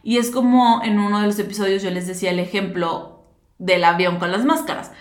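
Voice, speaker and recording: A woman's voice: medium pitch, brisk. A woman hosting a podcast, talking casually and directly to her listeners with lots of fillers. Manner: chatty, talks straight to listeners with many fillers. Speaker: podcast host. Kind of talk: casual monologue. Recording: roomy echo.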